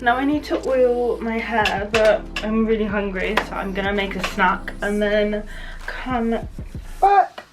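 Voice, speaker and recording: A woman's voice: medium pitch, unhurried, over music. A woman vlogging casually about her routine, chatty and informal with self-deprecating asides. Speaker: beauty vlogger.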